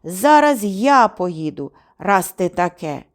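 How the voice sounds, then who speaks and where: A woman voicing an older village hunter who stretches every word out slowly. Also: medium pitch, sing-song. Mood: grumbling. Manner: drawls words out slowly. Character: slow-spoken older village hunter, grumbling.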